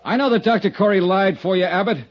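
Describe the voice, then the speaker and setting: An actor voices a calm, firm male insurance investigator, the narrator and lead of a 1950s-style radio drama, heard on a muffled old broadcast with music. His high, fast voice sounds close to an everyday one as he narrates in a steady, clipped way and turns firm while confronting someone.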